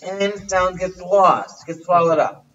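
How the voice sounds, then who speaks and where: A man's voice: high-pitched, slow pace, fairly bright tone. A man teaching a casual language lesson, quizzing his listeners and repeating his questions. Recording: distant, muffled livestream audio.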